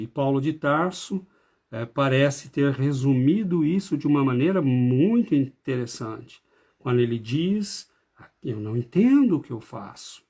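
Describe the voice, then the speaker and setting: A man delivers a spiritist lecture at an unhurried, deliberate pace. His voice is gravelly and a little husky, sitting in a middle register. He talks reflectively and often stops to hesitate between phrases. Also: medium pitch, warm tone. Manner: slow, reflective, with frequent hesitations. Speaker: spiritist study group speaker.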